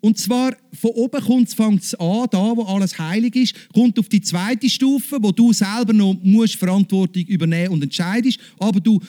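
A man preaching a sermon, lively and asking his congregation questions. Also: sits high, moderate pace, few pauses.

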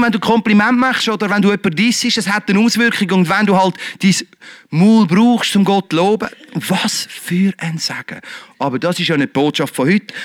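High, bright-voiced preacher. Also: male voice, no echo. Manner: lively preaching, swinging between loud exhortation and quiet earnest talk, with chuckles. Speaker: pastor. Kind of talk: sermon.

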